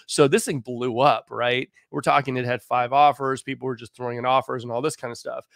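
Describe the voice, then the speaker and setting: Hoarse rambling real estate man. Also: mid-range voice, fairly even intonation, fairly quick, fairly bright tone, dry recording, studio quality. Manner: rambling, full of "you know" and "like". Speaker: real estate agent hosting a live stream. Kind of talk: casual live-stream market talk.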